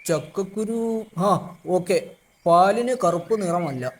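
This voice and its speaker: A man's voice: high voice, slow pace, a little hiss or hum. A man voicing a simple-minded, good-natured male cartoon animal with a naive, plodding way of talking. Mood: naive, earnest. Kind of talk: cartoon voice acting.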